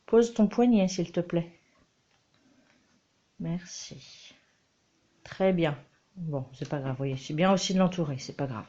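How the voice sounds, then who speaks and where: Mother-teacher, gentle and instructive, talking slowly, low-fi home audio. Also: highs cut off. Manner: patient, coaxing, instructive. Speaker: homeschooling mother. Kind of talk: reading lesson with a child.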